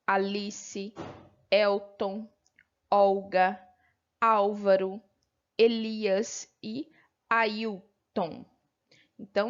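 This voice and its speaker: A Brazilian woman teacher with a patient manner, slowly explaining a textbook lesson and checking in with her pupils. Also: medium pitch, lo-fi sound. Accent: Brazilian Portuguese. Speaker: primary school teacher.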